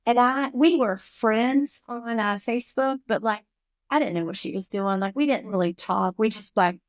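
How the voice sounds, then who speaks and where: A woman in her fifties, a podcast guest, telling a personal story in an animated, emotional way. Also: a little high, normal speed, no room sound. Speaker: guest, recovery school founder.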